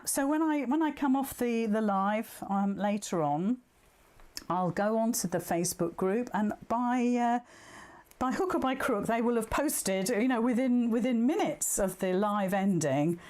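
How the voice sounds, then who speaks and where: Sitting at a sewing machine indoors, a woman tutors viewers through a live craft demo. Her medium-pitched voice is a little mellow, and she chats and jokes at her own expense as she talks through every step, checking in with "okay."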